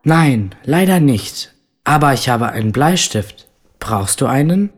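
A woman voicing a helpful schoolboy in a textbook listening dialogue, speaking slowly. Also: rumbling low, lively intonation, full character voice. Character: schoolboy offering help to a friend.

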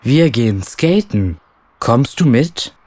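A woman voicing a helpful schoolboy in a textbook listening dialogue, speaking slowly. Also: extremely low pitch, big pitch swings, warm tone, exaggerated voice. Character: schoolboy offering help to a friend.

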